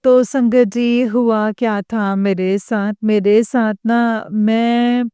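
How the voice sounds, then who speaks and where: A woman sharing a devotional testimony in a halting storytelling manner, often stopping to address her listeners respectfully. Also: a little high, steady tone, warm tone, clean tone, no room sound, clean studio sound.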